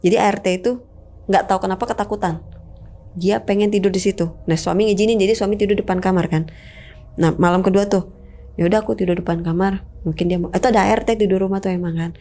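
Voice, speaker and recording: A woman tells her own ghost story as a guest in a relaxed chat. Her tone is mellow and warm, and her pitch sits in the middle. She acts out each scene and drops to a hushed whisper when she quotes others. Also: quick pace. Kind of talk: casual spoken storytelling.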